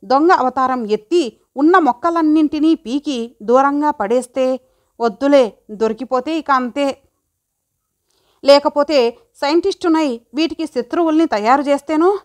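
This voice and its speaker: A woman narrating a first-person audio story in a lively, chatty way. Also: high voice, measured pace, pauses often.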